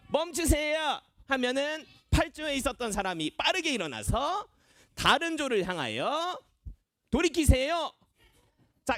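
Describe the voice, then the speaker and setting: A man's voice: very high voice, no room sound. A young man, a children's ministry evangelist, playfully explaining a game to kids during worship. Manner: animated, playful instructions to kids. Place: church children's worship room.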